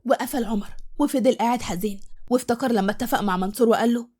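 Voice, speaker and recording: A woman with an Egyptian accent narrating a storybook tale in a lively, brisk way. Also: on the high side. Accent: Egyptian Arabic.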